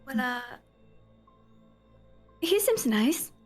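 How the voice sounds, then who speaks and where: A woman's voice: high-pitched, very animated, extremely slow, faint music behind. A woman playing a tabletop role-playing game, improvising casually in character.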